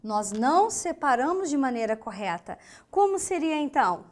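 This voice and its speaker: A Brazilian woman with a high, sing-song voice teaches an online grammar lesson. She speaks slowly and emphatically, spelling words out syllable by syllable and posing rhetorical questions to her students, in a Brazilian Portuguese accent.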